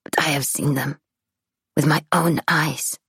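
A woman voicing a stern, proud elderly French woman with a rasping voice, who speaks in terse, grave warnings. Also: low voice, fairly even intonation, unhurried, fairly bright tone, no echo, studio quality, exaggerated voice. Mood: ominous hushed.

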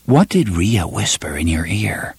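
A calm, soothing young man, as the narrator plays him, speaking low and slowly with a husky grain. The voice stays even and gentle throughout, recorded close and dry. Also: no room sound, exaggerated voice.

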